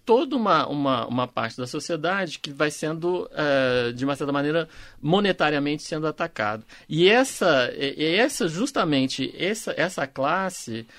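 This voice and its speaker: A man's voice: a little high, lively intonation, moderate pace, fairly bright tone, dry recording. A man, a panel guest who often stalls and repeats words as he searches for them. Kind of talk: discussion on a panel show.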